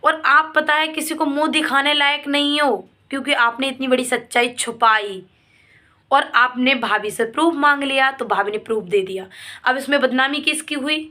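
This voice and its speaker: High-pitched, pushed, and bright, a woman speaks at normal speed in an informal opinion vlog on a family controversy, aimed at viewers and someone caught up in it. She's emphatic, repeating phrases in a reproachful, pleading manner.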